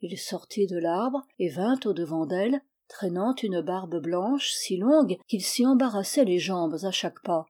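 Une femme qui lit un conte de fées d'une narration mesurée et expressive. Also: female voice, on the low side, a little slow, hardly any pauses, slightly rough. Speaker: storyteller. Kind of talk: fairy tale reading.

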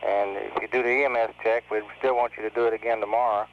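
A man's voice: on the low side, fairly even intonation, quick pace. An American man at mission control on astronaut radio, explaining technical matters in a hesitant way. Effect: radio transmission. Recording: muffled, noisy 1970s mission radio. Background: faint radio noise.

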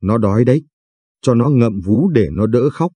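A man's voice: mid-range voice, animated, normal speed, warm tone, slightly rough, no room sound. A man voicing an older village midwife woman who speaks impatiently and scolds. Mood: matter-of-fact. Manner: scolding, matter-of-fact.

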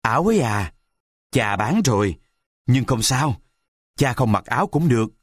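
A man voicing a kind, poor old woodcarver father in a storybook reading, speaking in a gentle, mumbling fatherly way. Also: medium pitch, lively intonation, normal speed, slightly rough, dry recording, clean studio sound. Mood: fond.

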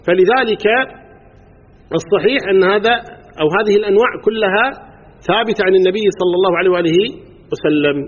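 Rapid husky Kuwaiti sheikh teaching. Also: male voice, high voice. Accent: Kuwaiti Arabic. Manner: explanatory, quizzes the class and counts items aloud. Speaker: sheikh teaching religious law. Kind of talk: religious lesson to a live class. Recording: dull lo-fi recording in a reverberant hall.

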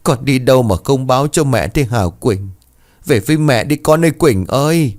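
A man's voice: mid-range voice, moderate pace, pitched above the performer's own voice, lightly acted. A man voicing a distraught middle-aged mother who pleads and wails for her missing daughter, in a storybook reading. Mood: grieving. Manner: wailing, insistent pleading.

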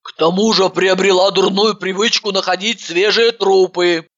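Чтица озвучивает Иванову, суетливую рассеянную женщину-патологоанатома, говорящую ниже и медленнее, резко и грубовато. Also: female voice, mid-range voice, steady tone, moderate pace, muffled recording, lightly acted. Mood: stern. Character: brash, fussy woman, a scatterbrained forensic doctor.

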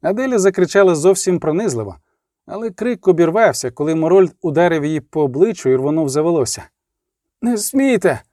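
A man narrating an audiobook in an expressive, vivid storytelling manner. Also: a little high, fast talker, no room sound, studio quality.

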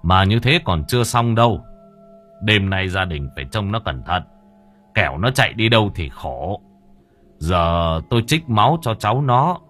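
A man voicing an old village shaman, gruff and fatherly, speaking low and unhurried in an audiobook. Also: fairly bright tone. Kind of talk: audiobook character voice.

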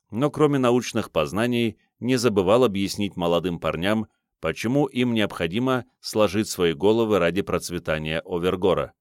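Man reading a fantasy audiobook, steady pace, lowish voice, dry sound. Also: dry recording. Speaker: narrator. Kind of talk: audiobook narration.

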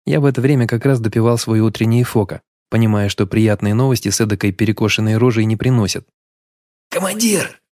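A man's voice: on the low side, fairly even intonation, quick pace, few pauses, a little mellow, no room sound, studio quality. Man narrating a war story. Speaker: audiobook narrator. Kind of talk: first-person audiobook narration.

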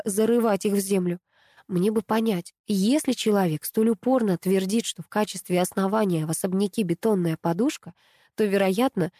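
A woman narrating a comic detective novel in the first person, with a lively, expressive reading. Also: mid-range voice, no room sound, clean studio sound. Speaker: audiobook narrator.

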